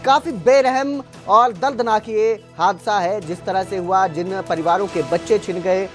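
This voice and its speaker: A woman's voice: medium pitch, unhurried, over music. A woman presenting breaking news in a dramatic, sensational and emphatic manner.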